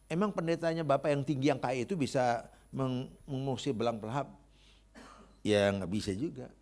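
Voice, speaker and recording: A middle-aged man preaching, telling stories and acting out dialogue, then praying loudly and fervently. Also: medium pitch, moderate pace. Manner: storytelling, acting out dialogue, laughing at own stories; loud fervent prayer. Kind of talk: sermon with testimony and prayer.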